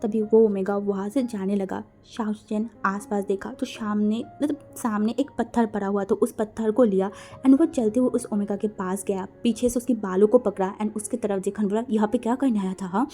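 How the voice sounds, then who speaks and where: A woman's voice: medium pitch, fairly even intonation, moderate pace, dark tone, faint music behind. A woman narrating a fan fiction story in a casual, conversational way.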